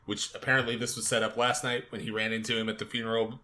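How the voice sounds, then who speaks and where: A man co-hosting a casual TV recap podcast, animated and quick to laugh, with casual swearing. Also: lowish voice. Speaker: podcast co-host.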